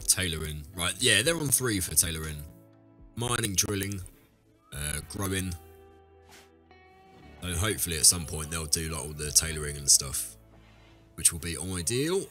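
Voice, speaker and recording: Sick and lower-voiced than normal, this man rambles through casual gameplay commentary for viewers, often correcting himself. He speaks in a low, animated voice with a sharp tone at normal speed, leaving long pauses, over faint music.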